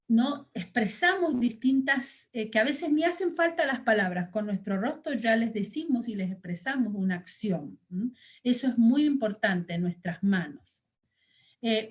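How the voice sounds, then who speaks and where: A woman's voice: fairly high pitch, fairly bright tone. A woman from Argentina teaching a storytelling training lesson, explaining patiently with fillers and checking questions. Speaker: children's ministry trainer.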